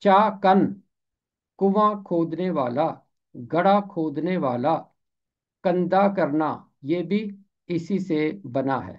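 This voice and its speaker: A man with a slightly high, expressive voice teaches word pronunciation and meaning, carefully voicing every term and slowly repeating it so it's clear. The audio is dull.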